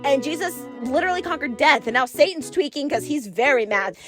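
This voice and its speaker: A woman's voice: high voice, lively intonation, a little fast. A woman playing a bubbly, gossipy teenage valley girl with a Californian accent, telling a comic story in gushing, dramatic slang. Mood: breezy, gossipy. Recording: faint music behind the voice.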